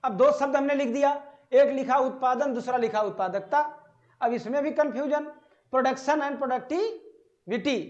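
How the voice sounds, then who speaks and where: A man whose voice is very high and a touch mellow is preparing students for an agriculture exam. He questions the class, answers for them, and lingers slowly on key words, all in dull lo-fi sound.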